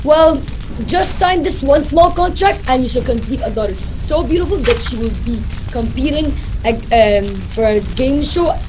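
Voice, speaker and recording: A woman's voice: sits high, animated, normal speed, noisy background. A girl playing a vain princess of darkness. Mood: smug.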